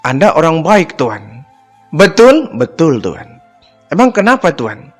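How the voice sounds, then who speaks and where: A man voicing a humble young orphan boy who answers softly and obediently. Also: a little high, huge pitch swings, slow pace, faint music behind, heavily acted. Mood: meek. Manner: soft, deferential replies.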